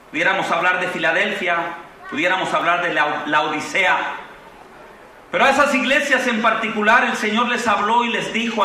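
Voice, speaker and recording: A middle-aged Mexican pastor with a Mexican Spanish accent preaches at a convention, shifting from impassioned proclamation with rising exclamations to relaxed, easygoing anecdotes. His voice sits high, and the recording comes from far off in an echoey, large convention hall with a little hiss or hum.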